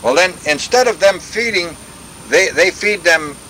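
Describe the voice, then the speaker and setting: An older veteran telling war stories in a rambling, folksy way, full of restarts and sound effects. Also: male voice, high voice, expressive, unhurried, bright, forceful tone, slight background noise, low-quality recording. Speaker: veteran interviewee. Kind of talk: oral history war reminiscence.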